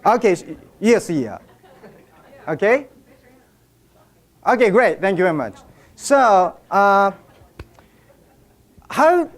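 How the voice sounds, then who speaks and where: A man with a Japanese accent, a native Japanese speaker, giving a joking seminar talk and directing a live audience. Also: high-pitched.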